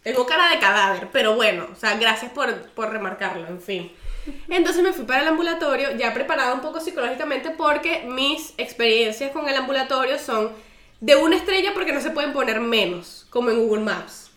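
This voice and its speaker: A woman with a Venezuelan accent, co-hosting a podcast and telling a story in animated, slangy casual chat. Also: high-pitched, fairly quick, reverberant. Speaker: podcast host.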